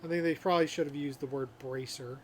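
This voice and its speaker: A man's voice: on the high side, steady tone, fast, a little hiss or hum. A man streaming a video game, reading its dialogue aloud in character voices and adding jokey casual asides. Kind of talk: casual gameplay commentary.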